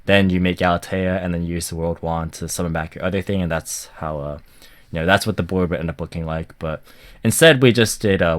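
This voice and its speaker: A man with a stuffy voice from a cold, casually commenting on a card game match and rambling with many ums and likes. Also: sits low. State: stuffy, recovering from a cough.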